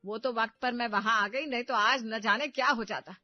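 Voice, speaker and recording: A meddling mother barks orders and stirs up family trouble, as a woman puts her on. Her voice sits fairly high and loud. The recording is dry and slightly dull. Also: normal speed, no echo, close to an everyday voice. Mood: domineering. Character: scheming meddling middle-aged mother, bossy.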